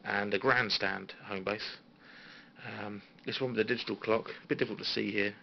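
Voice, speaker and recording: A CB radio hobbyist from Britain shows off his gear in a small home radio room, his voice low and creaky and his tone steady. The show-and-tell is informal, halting and understated, and the handheld phone captures a dull sound with faint noise in the background.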